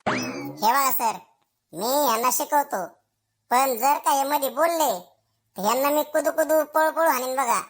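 A woman's voice: sits high, measured pace, pauses often, a little hiss or hum. A woman voicing a blustering schoolboy who gets to be teacher for a day, in a village comedy skit, full of cheeky asides to himself. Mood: cocky. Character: brash boastful schoolboy made teacher for a day, male.

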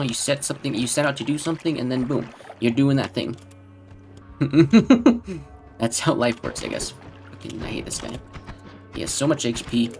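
Deadpan man with a lively pitch. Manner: deadpan, flat tone that sounds sarcastic. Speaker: gaming channel host. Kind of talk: casual gameplay commentary.

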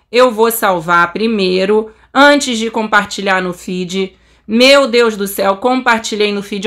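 A young Brazilian woman with a Brazilian Portuguese accent commentating a game update, so excited she says she is trembling, gushing and exclaiming constantly. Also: mid-range voice. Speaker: game channel host.

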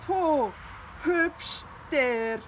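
A woman voicing a grumpy, jealous little male cat who talks in a sulky, whiny, loud way, reading a storybook aloud. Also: high-pitched, very animated, slow pace, slight background noise, pitched above the performer's own voice, full character voice.

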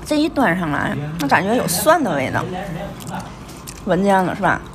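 A woman's voice: mid-range voice, very animated, moderate pace. Chatty tianjin accent lady doing a food vlog, voice goes up and down, noisy little restaurant. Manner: chatty, commenting on each bite. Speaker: food vlogger. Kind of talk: casual chat over a meal. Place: small busy restaurant, indoors. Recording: clattery, noisy small restaurant.

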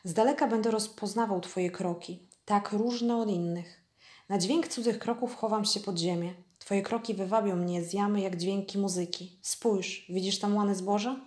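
A woman voicing a gentle, lonely male fox from a storybook, read slowly and softly. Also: medium pitch, steady tone, lightly acted. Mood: wistful. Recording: echoey room.

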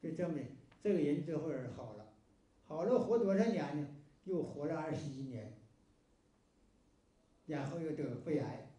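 High-voiced Northeastern Mandarin man, echoey. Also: normal speed, pauses often. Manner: homespun and lively, acting out dialogue. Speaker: moral lecturer. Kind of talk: folksy storytelling lecture. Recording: very echoey room, mic far off.

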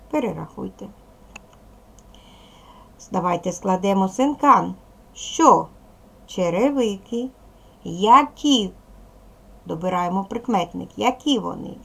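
A woman teaching a video language lesson to young children, patient and slow, asking questions and waiting for answers. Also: medium pitch, creaky. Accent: Ukrainian. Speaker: primary school teacher.

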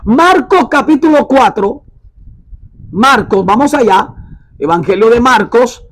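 A man with a very high voice preaches a sermon. He reads scripture aloud and tells his listeners to mark it in their Bibles. He repeats phrases emphatically and slows down to stress words. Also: animated, low-quality recording.

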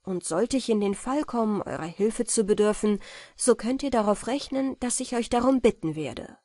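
Frau liest einen jungen, edlen Goldschmied. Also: female voice, on the high side, lively intonation, normal speed, warm tone, dry recording. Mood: earnest. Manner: formal, polite, old-fashioned speech. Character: young noble-minded male goldsmith, modest.

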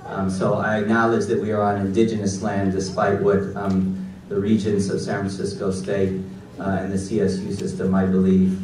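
A man in his forties from Los Angeles giving a graduation keynote speech at a podium, with a measured, deliberate delivery from a prepared text. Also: deep voice, completely flat delivery, darkish tone, slight background noise. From Los Angeles, United States. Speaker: keynote speaker. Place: large auditorium stage at a podium. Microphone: podium mic, recorded by a far audience camera. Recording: echoey hall recorded from far back.

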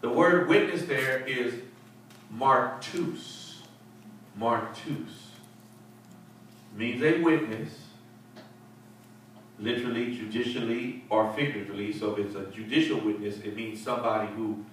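Pastor preaching in an echoey hall. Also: male voice, medium pitch, unhurried, pauses often, a bit bright. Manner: emphatic preaching, repeats words, calls for responses. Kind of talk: Bible study teaching. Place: church fellowship hall with seated group. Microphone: handheld mic, heard from a far camera. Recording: echoey hall from far off, faint hiss.

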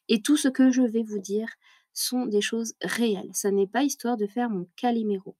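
A woman's voice: fairly high pitch, darkish tone, dry recording. A woman who teaches French, chatting in a casual vlog, tired at the end of her day, self-mocking, with many fillers and laughs. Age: adult career changer.

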